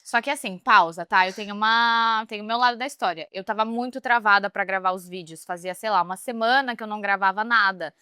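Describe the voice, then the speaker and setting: A woman co-hosting a podcast in casual chat, telling stories with animated expression. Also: medium pitch, fast, hardly any pauses, clear, resonant tone, dry recording, clean studio sound. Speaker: podcast co-host.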